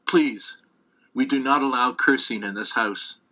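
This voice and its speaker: A man playing an earnest, emphatic young father in a fireside folktale, speaking deliberately. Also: medium pitch, pushed and bright. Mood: firm, courteous. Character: young father, courteous but firm, troubled. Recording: dull, muffled lo-fi recording.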